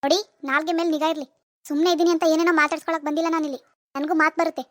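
A woman's voice: sits high, fairly even intonation, very fast, no echo, clean studio sound, lightly acted. A woman voicing a grieving, defensive mother-in-law in a cartoon. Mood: indignant. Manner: wailing laments, then stern rebukes. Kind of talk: animated cartoon voice acting.

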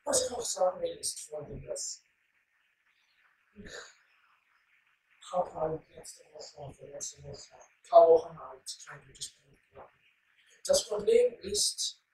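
A young man with an altered voice from a voice changer, chatting casually and haltingly as a gaming YouTuber. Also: on the high side. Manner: halting, hesitant delivery. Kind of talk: casual chat over gameplay. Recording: distant roomy mic with faint noise.

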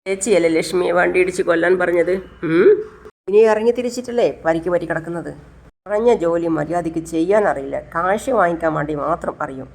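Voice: medium pitch, quick pace, gravelly. A narrator voicing a scornful old grandmother. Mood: scolding. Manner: scolding, contemptuous.

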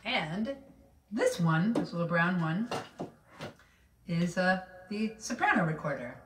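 A music teacher speaking softly and casually, her voice drenched in heavy reverb that makes it sound as if she is in a cave. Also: on the low side, lively intonation, takes it slowly, distant mic, noisy background. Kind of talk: casual spoken explanation. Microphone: reverb effect on her mic.

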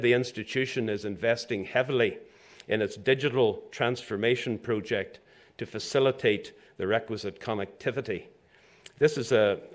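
An older man with a lowish voice delivers a prepared presidential address from a lectern. His pace is measured and formal, broken now and then by a dry aside. He speaks into a lectern microphone in a lecture hall. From Zambia. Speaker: institution president giving inaugural address.

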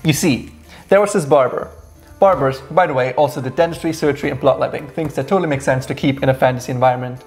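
A man's voice: medium pitch, quick pace, darkish tone, soft background music. A man in his thirties co-hosting a game review, telling the backstory with wry sarcasm in a small indoor room. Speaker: co-host reviewing a game adventure. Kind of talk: casual review chat.

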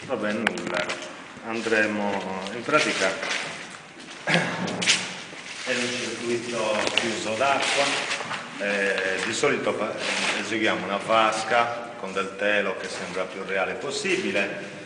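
A man's voice: lowish voice, slow. A man volunteer plainly explaining how he builds things, recorded from a distance in a church. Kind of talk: casual explanation. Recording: distant, echoey, loud noise.

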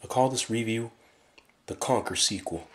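A male game reviewer talks at a hushed level, keeping his voice down as he goes. His delivery is rambling, and he often breaks off sentences and starts them over as he reaches for the next thought. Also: mid-range voice, moderate pace, very noisy. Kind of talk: casual video review.

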